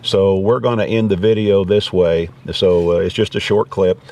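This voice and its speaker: An American vlogger's deep, darkish voice, fairly even in intonation and moderate in pace, comes from far off the mic over clear background noise. He's hosting a casual, unscripted gear review and rambles folksily.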